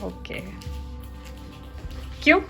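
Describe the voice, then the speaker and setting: A woman's voice: extremely slow, a bit bright, faint music behind. A young woman chatting casually in a home vlog, teasing her sister and talking to viewers. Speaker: vlogger.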